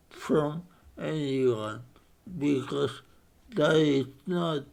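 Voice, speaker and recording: Man, 50s, speech impairment, very slow and gravelly, halting short phrases. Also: mid-range voice. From Spain. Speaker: board candidate. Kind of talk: self-introduction speech.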